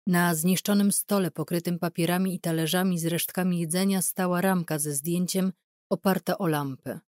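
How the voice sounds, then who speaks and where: A woman reading a wartime novel as an audiobook narrator, in a calm, measured, dramatic way. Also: lowish voice, no room sound, studio quality.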